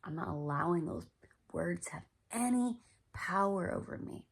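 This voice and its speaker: A woman hosting a podcast, talking earnestly about her own experience in a soft, reflective monologue that often drops to a whisper. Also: fairly low pitch, animated, moderate pace, creaky, husky. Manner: earnest and self-reflective, with many fillers. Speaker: podcast host.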